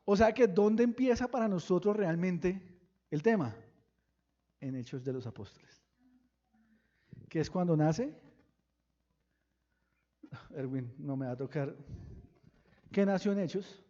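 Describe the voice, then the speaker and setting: A pastor preaching a sermon, firing questions at the congregation and breaking into sudden loud bursts. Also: male voice, high voice, animated, unhurried, pauses often, lo-fi sound. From Colombia.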